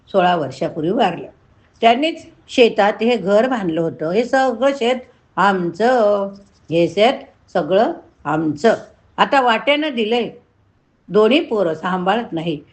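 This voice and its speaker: A woman voicing a frail, lonely old widow who pleads and complains in a raised, plaintive voice. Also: lightly acted. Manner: plaintive, pleading, bursts higher in pitch.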